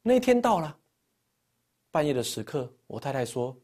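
Guy giving a sermon, bit husky, punchy then trails off quiet at the ends. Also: moderate pace. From Taiwan. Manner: animated storytelling, swinging between emphatic highs and soft low phrase endings. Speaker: pastor.

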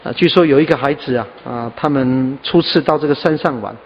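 A man's voice: mid-range voice, a little fast, highs cut off. Earnest man preaching in an echoey hall. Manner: scattered with "ah" and "ha" fillers, earnest. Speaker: pastor. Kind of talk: sermon.

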